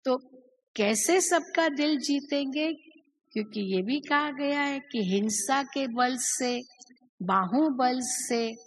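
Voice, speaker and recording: A woman's voice: high voice, takes it slowly, low-quality recording. A woman teaching a spiritual class, asking her listeners many questions and acting out the quoted speech.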